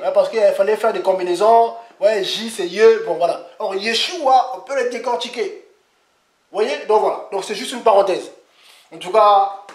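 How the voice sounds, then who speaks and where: A man giving an informal, rambling sermon, repeating himself with animated asides. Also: high-pitched, roomy sound. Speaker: preacher.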